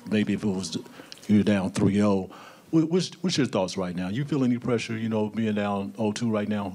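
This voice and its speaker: Low-voiced male radio reporter. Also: a little mellow, a little hiss or hum. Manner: introduces himself, then asks with hesitant restarts. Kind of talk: press conference question.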